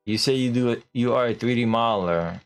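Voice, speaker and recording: A man's voice: mid-range voice, brisk, smooth. A man live-streaming a game, chatting casually and animatedly with viewers, laughing and swearing offhand.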